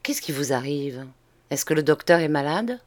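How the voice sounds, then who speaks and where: A woman's voice: low-pitched, animated, normal speed, a little mellow, voice pushed down. A woman reading a grave, firm male lawyer. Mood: alarmed.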